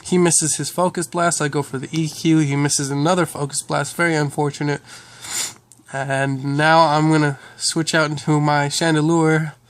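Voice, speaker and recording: A young man who is under the weather talks through his own match in casual commentary. His voice sits a little higher than most men's, and he fills pauses with "uh" and clears his throat now and then. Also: flat delivery, no room sound. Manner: frequent "uh" and "um" fillers, throat clearing. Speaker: gaming YouTuber.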